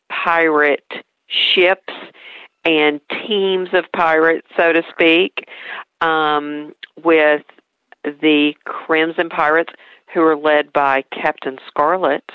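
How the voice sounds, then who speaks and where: A woman's voice: deep voice, clear, resonant tone, no echo, lo-fi sound. A woman with an East Tennessee Southern accent, talking as a guest in a conversational interview. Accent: East Tennessee Southern American. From East Tennessee, United States. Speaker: interview guest promoting a show.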